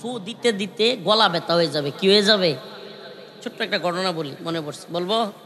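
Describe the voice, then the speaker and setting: A man's voice: high-pitched, normal speed, fairly bright tone. A man preaching a night-time Islamic sermon to a large gathering, calling out to the crowd and chanting Arabic verses in a sung tone. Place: large outdoor religious gathering. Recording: long reverb of a big PA.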